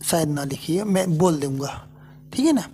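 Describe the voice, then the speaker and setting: A man's voice: a little high, animated, moderate pace, warm tone, faint music behind. A male English grammar teacher giving an explanatory lesson, repeating each point and restating terms in two languages, with frequent checking questions.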